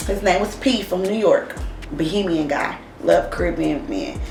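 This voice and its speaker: A woman's voice: lowish voice, normal speed, creaky, darkish tone, recorded from a distance. A young woman from Oklahoma, telling her past as an interview guest in a candid, casual way, blunt and frank with plenty of swearing. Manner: blunt and profane, frank about hard past. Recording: roomy echo, voice off-mic, faint music behind.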